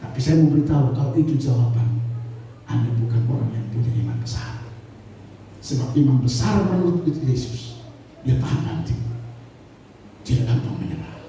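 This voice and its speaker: A man preaching as a pastor, speaking emphatically, often rising to high exclamations and calling out hallelujah. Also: normal speed, long pauses, dark tone, a little hiss or hum. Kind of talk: sermon. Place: church hall. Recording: echoey church hall, mic heard from a distance.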